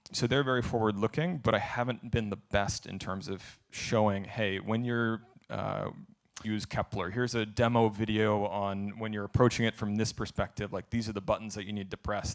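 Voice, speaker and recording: A man's voice: fairly low pitch, gravelly. A man answering audience questions at a conference, candid and thinking aloud as he talks. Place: conference event.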